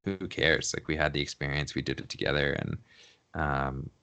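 Chill photographer dude, super low voice, kinda punchy and bright, laughs a lot. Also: male voice, little pitch movement, moderate pace, smooth. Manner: laid-back, slangy, laughs often. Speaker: photographer guest. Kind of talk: casual interview chat.

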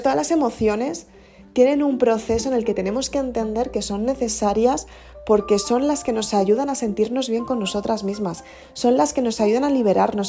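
A woman hosting a self-help podcast, talking calmly and directly to her listener in an encouraging way. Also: fairly high pitch. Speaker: podcast host.

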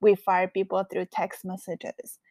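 A Colombian woman with a strong Colombian Spanish accent hosts a solo podcast, speaking reflectively and candidly with frequent fillers. Her fairly low voice is a little mellow, unhurried and completely flat in delivery. The recording is dry.

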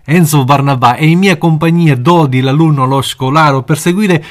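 Sicilian-accented radio man, slightly high voice. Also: moderate pace. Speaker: radio co-host and pupil. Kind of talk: radio lesson chat.

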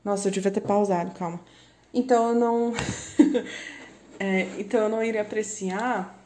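Chatty Brazilian young woman, mellow voice. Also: mid-range voice, moderate pace, slight background noise. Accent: Brazilian Portuguese. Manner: chatty, excitable, swears and laughs often. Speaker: podcast host. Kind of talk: casual chat about music.

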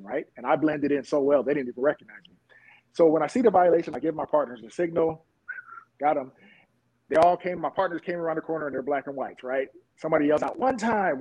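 A police officer guest telling stories in a lively way in an interview. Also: male voice, fairly high pitch, breathy edge, rough recording. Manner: lively, laughs at his own stories. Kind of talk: animated storytelling in an interview.

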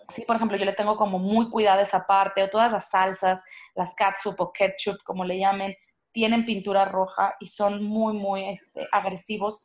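A woman co-hosting a podcast, talking in an earnest, casual way and warning parents directly. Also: medium pitch. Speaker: podcast co-host.

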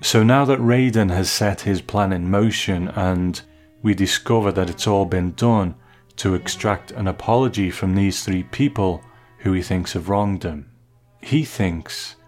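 A man hosting a review, giving semi-scripted commentary in a measured, conversational, reflective way. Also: low voice, darkish tone. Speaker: host of a TV episode review.

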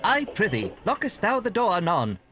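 A man's voice: high-pitched, wildly swooping pitch, moderate pace, sharp tone, soft background music, full character voice. A man playing a prim, fussy protocol droid. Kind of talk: amateur Shakespearean table read.

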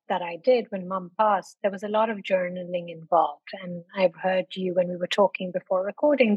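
A middle-aged woman, born in London and raised in India, speaking as a podcast guest in a reflective, measured way with frequent ums over a remote call. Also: mid-range voice, husky, dry recording, poor audio. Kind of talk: conversational interview.

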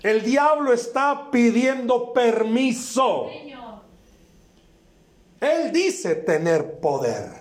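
A man preaching a sermon as a guest preacher at a church service, impassioned and repetitive, rising to shouts. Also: extremely high pitch, sing-song, very slow, pauses often, roomy sound.

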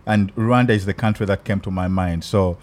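Ugandan male podcast host, low-pitched, conversational, searches for words. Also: steady tone, darkish tone. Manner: thoughtful, halting with many restarts. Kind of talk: casual chat.

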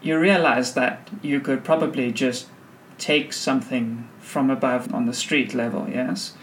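A game master voices a suave thieves' boss in a tabletop game, sly and courteous, with measured, teasing orders. There is faint noise behind the voice. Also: medium pitch, fairly even intonation, natural voice. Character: suave, amused male underworld boss giving orders.

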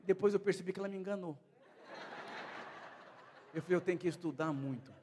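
A man's voice: high voice, brisk, mellow, big-room sound, some chatter behind, a little hiss or hum. A middle-aged man preaching a sermon as a pastor, talking conversationally and repeating his phrases.

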